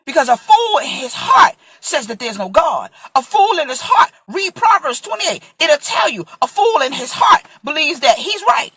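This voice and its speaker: A woman's voice: sits high, very animated, moderate pace, few pauses, bright, forceful tone. A woman in her forties from Brooklyn, preaching in an impassioned, emphatic way and acting out voices in a vlog sermon. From Brooklyn, USA. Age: 40s.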